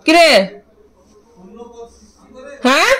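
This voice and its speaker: A woman's voice: drawn-out words, a bit bright, poor audio. A woman vlogger talking tenderly to her pet parrot in a coaxing, affectionate way. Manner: coaxing, affectionate baby-talk to the bird. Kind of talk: casual talk to a pet parrot.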